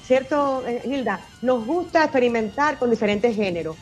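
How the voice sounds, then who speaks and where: A talkative woman with an eastern Cuban accent, her voice sitting a little high for a woman. She chats expressively through a radio interview and breaks into laughter often. Soft music plays faintly behind her. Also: expressive, normal speed. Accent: eastern Cuban Spanish. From eastern Cuba. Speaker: singer, interview guest. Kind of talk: casual radio interview chat.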